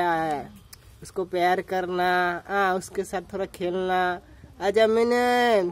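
A man filming a casual vlog on his phone outdoors, talking simply and coaxing a cat. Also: high voice. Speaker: vlogger. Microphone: phone held while filming.

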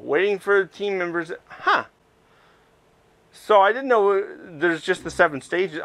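A man with a fairly high, slightly bright voice hosts a gaming video, chatting casually and thinking aloud as he plays. He's indoors in a VR headset facing a camera, with game music in the background.

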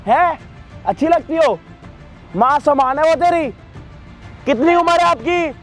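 A man's voice: extremely high pitch, a little slow, soft background music. A young man, angrily interrogating and threatening someone over and over in a staged confrontation video. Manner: aggressive, repetitive interrogation. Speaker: confronting vigilante.

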